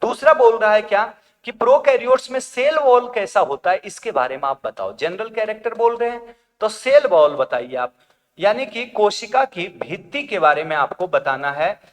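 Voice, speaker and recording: A male teacher giving an exam coaching lecture, who asks the class questions, answers them himself and repeats key terms slowly. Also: sits high, animated, fairly bright tone, in a large hall.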